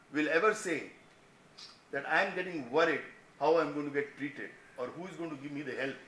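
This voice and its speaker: An older man speaks in a high, bright voice. He addresses an audience with emphatic, rhetorical repetition. The sound is roomy and echoing. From India. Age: 60s. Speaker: speaker at a health insurance summit. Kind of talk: impassioned public address, switching between English and Hindi. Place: indoor conference hall, standing on stage. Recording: roomy hall echo.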